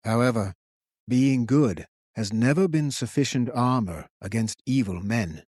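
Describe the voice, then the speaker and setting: A man voicing an ancient resurrected king who speaks slowly and gravely in an audiobook. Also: medium pitch, a little mellow, dry recording, clean studio sound, natural voice. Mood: gentle solemn. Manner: slow, grave, measured. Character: ancient resurrected male king, commanding, solemn. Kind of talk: audiobook character voice.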